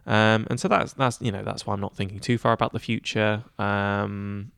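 A man's voice: on the low side, level tone, normal speed, vocal fry, fairly bright tone, clean tone, dry recording. A young man, a guest on a student podcast, talking casually and rambling with many fillers and restarts. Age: young adult. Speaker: guest, student head of news. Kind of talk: casual interview chat.

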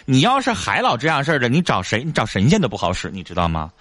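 A man's voice: mid-range voice, wildly swooping pitch, fast, fairly bright tone, no room sound. A man hosting a radio call-in advice show, lecturing callers bluntly.

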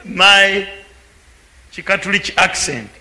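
Lively preacher man, bright voice. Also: sits high, slow. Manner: lively, teasing, calls out to the congregation. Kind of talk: sermon with live interpreter. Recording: echoey hall with faint background noise.

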